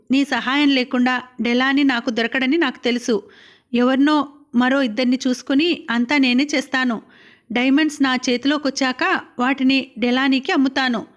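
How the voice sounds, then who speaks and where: A woman's voice: high voice, lightly acted. A woman voicing a scheming young man who pushes his diamond heist plan, in an audiobook. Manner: pushy and persuasive. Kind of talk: audiobook character reading.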